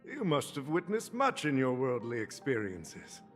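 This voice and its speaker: A man voicing a shrewd, chuckling very old tycoon in a video game, with a theatrical, deliberate old man's delivery. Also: medium pitch, wildly swooping pitch. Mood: veiled threat. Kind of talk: video game story acting. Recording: long reverb, music behind.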